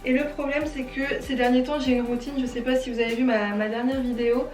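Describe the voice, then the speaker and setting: High-voiced chatty French woman. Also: flat delivery, fast talker, a little mellow, reverberant, recorded from a distance, faint music behind. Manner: chatty, self-deprecating, explains each step. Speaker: beauty vlogger. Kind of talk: makeup tutorial voice-over.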